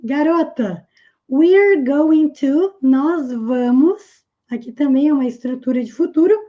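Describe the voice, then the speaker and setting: A woman English teacher explaining a lesson, patiently repeating English phrases slowly and clearly. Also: high-pitched, lo-fi sound.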